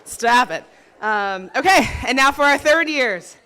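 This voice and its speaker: Woman reading names at a ceremony, slow and easygoing, trips on a few and laughs at herself. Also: high voice, animated, pushed and bright, clean tone. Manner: chatty, self-deprecating, stumbles over names. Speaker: ceremony announcer.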